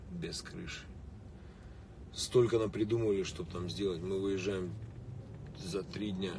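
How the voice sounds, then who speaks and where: A man in his late thirties with a low voice and vocal fry chats casually with fans on a livestream from his car in city traffic, greeting viewers by name. His phone is held or mounted at arm's length, so the mic sounds distant and picks up street noise.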